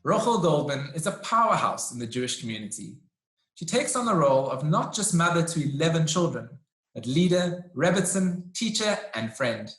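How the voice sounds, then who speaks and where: A male presenter reading a lively scripted introduction. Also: fairly high pitch, normal speed, reverberant, soft background music. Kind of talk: scripted narration.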